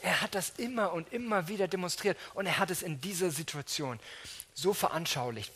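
A man preaching a sermon, acting out quoted speech with big swings in pitch and loudness. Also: brisk, breathy edge.

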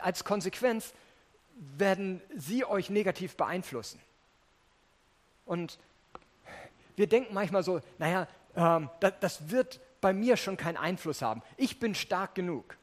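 Conversational man preaching a sermon. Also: fairly high pitch. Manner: conversational, addresses listeners directly, reads scripture aloud.

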